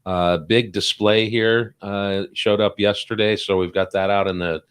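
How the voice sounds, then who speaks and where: Chatty guy cohosting a talk show, really low voice, lots of ums and restarts. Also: fairly even intonation, measured pace, clear, resonant tone. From Salt Lake City, Utah. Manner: chatty, joking, many fillers and restarts. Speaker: podcast co-host. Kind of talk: casual interview chat.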